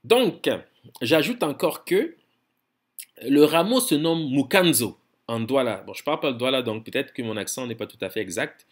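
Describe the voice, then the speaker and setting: A man giving a scholarly lecture in a firm, insistent tone. He often repeats words while searching for phrasing and slows down to spell out foreign terms. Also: medium pitch, expressive.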